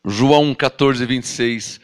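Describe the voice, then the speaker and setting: A man preaching a sermon as an apostle with a Brazilian Portuguese accent, animated and full of rhetorical questions, acting out doubters. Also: medium pitch, slow pace, clear, resonant tone.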